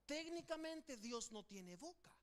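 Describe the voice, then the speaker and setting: A man preaching as pastor to a congregation in a church, calling on them to repeat after him and swinging between loud declarations and quiet, slowed phrases. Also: very high voice, animated. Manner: emphatic preaching with call-and-response to the congregation. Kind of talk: sermon.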